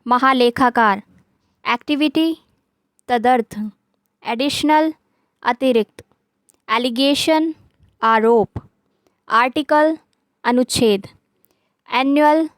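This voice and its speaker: High-voiced woman teaching. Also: slow, long pauses, dry recording. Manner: reads terms aloud, mixes English words into Hindi; often says "theek hai". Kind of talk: online exam-prep lesson.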